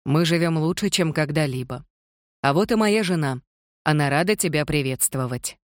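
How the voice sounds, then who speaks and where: An audiobook reader voicing a courteous, evasive young gentleman in a polite, reassuring manner. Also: medium pitch, lively intonation, normal speed, no echo, clean studio sound, natural voice.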